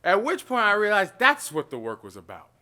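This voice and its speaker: A man in his thirties talking casually about his artwork, animated and digressive, often quoting voices as he tells stories. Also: high voice, a little fast. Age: 30s. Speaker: artist talking about his own work. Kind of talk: gallery talk, casual storytelling.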